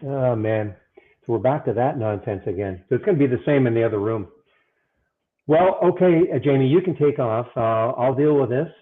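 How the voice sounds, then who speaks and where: A man's voice comes through muffled, as if from the other side of a wall, picked up by earbuds rather than a proper mic. The sound is thin and phone-like. He talks in a flustered, halting way, full of fillers and restarts. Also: medium pitch. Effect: muffled, as if heard through a wall. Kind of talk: casual chat. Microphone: earbuds instead of his microphone.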